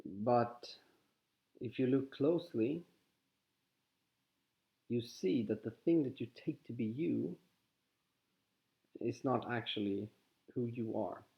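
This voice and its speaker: A Swedish man, a native Swedish speaker with a Swedish accent, calmly leads listeners through a contemplative teaching as a spiritual teacher. His medium-pitched voice carries vocal fry, and he speaks haltingly, often pausing and restarting sentences. The lo-fi recording sounds slightly dull.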